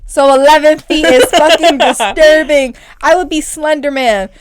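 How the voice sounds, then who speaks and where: A young woman co-hosting a podcast chats casually at normal speed. She is animated and rambling, and when excited her voice sometimes rises loud and shrill.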